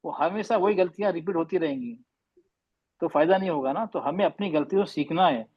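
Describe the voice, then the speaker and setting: A man teaches Quran recitation over a call, stretching sounds slowly as he corrects students. His voice sits slightly high. The audio is dull and lo-fi. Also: breathy edge. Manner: patient, slow demonstrating drills. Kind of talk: online tajweed class correction.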